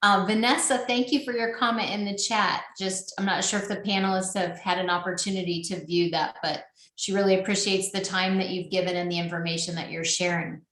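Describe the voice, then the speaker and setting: A woman's voice: medium pitch, steady tone, fairly quick, fairly bright tone. A woman moderating an online panel webinar, upbeat and joking as she passes questions to the panelists. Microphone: video call. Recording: roomy echo.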